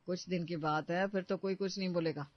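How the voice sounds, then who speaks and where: A woman voicing an easygoing young husband in a soft, lowered voice. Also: steady tone, a little fast, natural voice. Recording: dry, slightly dull recording.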